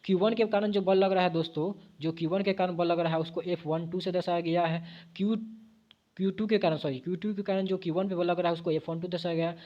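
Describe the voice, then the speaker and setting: A man's voice: sits high, fairly even intonation, fast, darkish tone, muffled recording. A man giving an exam-prep physics lesson. He explains step by step at a board, corrects himself as he goes, and repeats key points back to the viewers as questions. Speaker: physics teacher.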